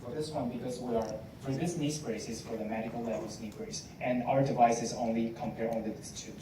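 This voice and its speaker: A male student contestant answering judges in halting, broken phrasing. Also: medium pitch, steady tone. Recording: echoey hall, distant mic, noise.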